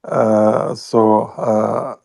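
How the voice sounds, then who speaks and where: A man from West Africa, an audience member asking a long question at a public event, talking haltingly with many pauses. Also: fairly low pitch, level tone, creaky, darkish tone. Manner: halting, many fillers and restarts.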